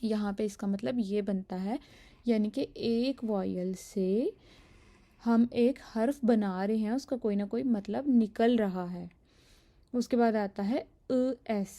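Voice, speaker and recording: A woman's voice: mid-range voice, warm tone. A woman teaching a language lesson, explaining pronunciation patiently and step by step.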